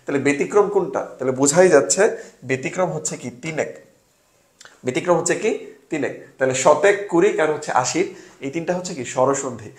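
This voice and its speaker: A young Bangladeshi man with a fairly high voice speaks quickly in a roomy-sounding space. He runs a casual online exam-solving class for an admission test, posing questions and answering them himself while sprinkling in English words.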